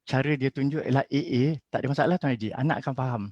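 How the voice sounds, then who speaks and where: A man's voice: medium pitch, very fast, dry recording. A middle-aged man, a school counselor, telling stories in a webinar talk and acting out the people he quotes. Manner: lively storytelling, acts out quotes. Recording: dull lo-fi webinar audio.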